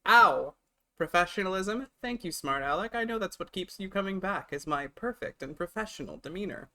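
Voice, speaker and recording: A talkative male streamer chats loosely with viewers and a co-host, cursing now and then between bites. His voice is bright and edged and sits a little high for a man. He swings from loud bursts to quiet asides. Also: animated, brisk, a little hiss or hum. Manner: chatty, swearing, talks while eating. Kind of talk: casual live-stream chat.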